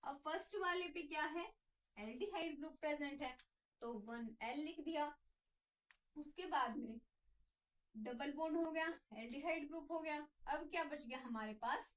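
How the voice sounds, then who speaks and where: A woman's voice: sits high, far from the mic, low-quality recording. A woman teaching a chemistry lesson, explaining step by step and answering her own questions as she goes. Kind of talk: classroom lecture.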